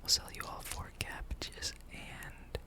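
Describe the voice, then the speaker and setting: A soft, unvoiced whisper carries this gaming ASMR clip, recorded close to the mic. The host drifts through a casual, unhurried ramble while playing.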